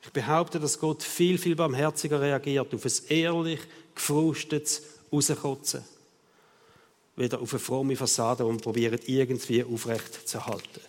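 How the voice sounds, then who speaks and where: A man's voice: mid-range voice, fairly even intonation, a little slow. Swiss German man preaching in a reverberant hall. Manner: conversational preaching with frequent "oder?" tag questions. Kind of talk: sermon.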